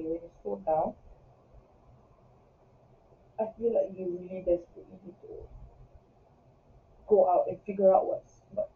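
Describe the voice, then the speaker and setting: High-voiced young man, rambling chat. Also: a little hiss or hum. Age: around 20. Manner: rambling, self-interrupting, giggly asides. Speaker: vlogger. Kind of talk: casual confessional chat. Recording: roomy, distant, phone-like sound.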